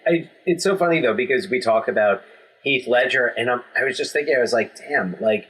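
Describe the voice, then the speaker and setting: Husky man rambling in casual chat. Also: medium pitch, a bit bright, rough recording. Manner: rambling, joking, many restarts and fillers. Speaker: podcast co-host.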